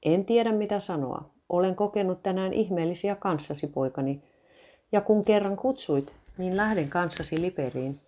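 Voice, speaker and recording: A woman reading the lines of a stern, quick-tempered older clergyman father. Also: fairly low pitch, warm tone, natural voice. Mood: wondering. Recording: dull lo-fi recording.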